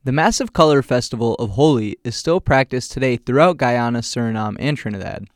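A man's voice: mid-range voice, dry recording. Man reading a script, dry close sound. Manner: reads a prepared script evenly. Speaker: podcast host. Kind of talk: scripted narration.

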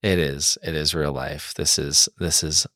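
A man co-hosting a podcast, talking in a relaxed, rambling way. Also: extremely low pitch, measured pace, dry recording, clean studio sound. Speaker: podcast co-host. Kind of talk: casual chat.

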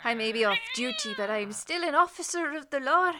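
A loud, high-voiced policeman throwing his weight around in a 1930s radio drama. He threatens and blusters with a brogue. Cats yowl in the background of the old broadcast. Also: lively intonation, brisk, crowd noise. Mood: threatening. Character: blustering off-duty male Irish cop neighbor. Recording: old radio broadcast, cat yowling behind.

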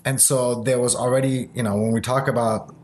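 A man born in Japan and raised in Germany, speaking English as his third language and sharing a halting, earnest testimony in casual conversation. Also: mid-range voice, little pitch movement, a little mellow, slight background noise. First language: not English.

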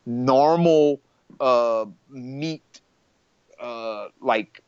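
A man's voice: medium pitch, drawn-out words, a little mellow, clean tone, dry recording, lo-fi sound. A man talking casually on a podcast, rambling with many restarts and fillers. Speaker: podcast guest. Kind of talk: casual conversation.

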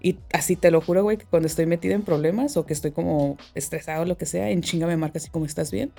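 A Mexican woman speaks as a podcast guest in a relaxed, slangy way, often trailing off with a tag question. Her voice is fairly low with a gravelly fry, and faint music plays underneath. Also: very fast. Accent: Mexican Spanish. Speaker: guest, tattoo artist. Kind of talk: casual chat.

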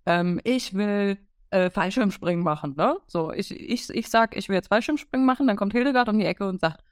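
A woman's voice: medium pitch, a little fast, no room sound. Thoughtful woman podcaster, dry sound. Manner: thoughtful, searching for words with frequent fillers. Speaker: podcast co-host. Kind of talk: casual chat.

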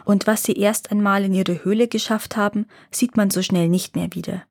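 A woman voicing a kindly male talking bear in a fairy tale reading, speaking calmly and earnestly. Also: mid-range voice, normal speed, no echo, studio quality, lightly acted. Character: gentle, kindly male bear who can talk.

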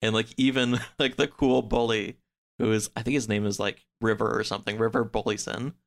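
A man with a low-ish voice and vocal fry delivers his story flatly and briskly as a podcast guest. In this casual chat he rambles, peppers his speech with "like," and performs the characters' lines in quotes.

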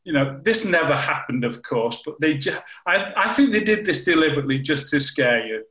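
An older northern English man, a former scientist, tells anecdotes in a conversational interview, often restarting and correcting his sentences. His voice is a little high, animated and brisk, with a bright, forceful tone. The room sounds echoey.

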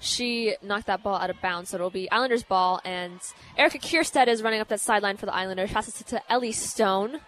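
A woman's voice: medium pitch, brisk, few pauses, a bit bright, a little hiss or hum, rough recording. A teenage girl from San Francisco doing chatty, giggly play-by-play commentary for a student broadcast. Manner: chatty, giggly, many fillers.

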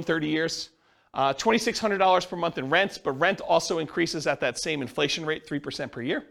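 A man's voice: a little high, vocal fry, a bit bright. A man teaching a class, explaining step by step and asking the class questions. He says he is losing his voice. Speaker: real estate instructor.

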